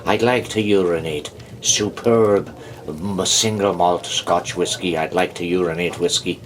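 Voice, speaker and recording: A man's voice: low voice, steady tone, measured pace, a little hiss or hum. A man voicing a tipsy man in a pub joke, sounding boastful and matter-of-fact. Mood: smug.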